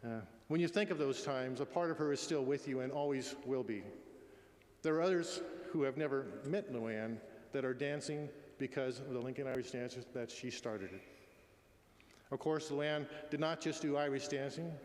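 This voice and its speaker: A man in his sixties giving a eulogy in a tender, faltering, halting way. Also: mid-range voice, darkish tone. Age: 60s. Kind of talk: eulogy, spoken address. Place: large echoey room at a memorial gathering. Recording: echoey hall with long reverb.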